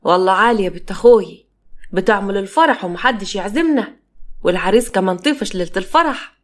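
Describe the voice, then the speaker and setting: A stern, hot-tempered uncle from Upper Egypt, voiced by a woman storyteller with an Egyptian accent. He speaks quickly and suspiciously, laying down threats in a domineering tone. A middle-aged man in a spoken storybook. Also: mid-range voice, natural voice. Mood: suspicious, threatening.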